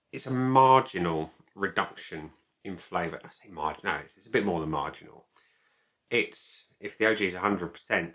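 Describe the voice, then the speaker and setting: Hosting a video, a man gives a casual product review to camera in a low voice that sounds pushed and bright. He speaks haltingly and deliberately, often repeating phrases.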